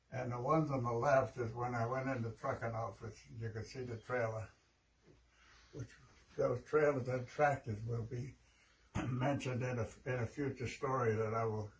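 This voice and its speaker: An elderly American man, an old veteran remembering his service in a plain, halting way. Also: mid-range voice, poor audio. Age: 80s or older. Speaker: World War II veteran. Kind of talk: personal reminiscence.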